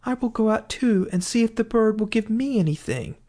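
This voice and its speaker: A man's voice: high-pitched, expressive, brisk, warm tone, voice pushed up. A man voicing a little girl in a fairy tale, speaking lightly and eagerly. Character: little girl, tearful then joyful.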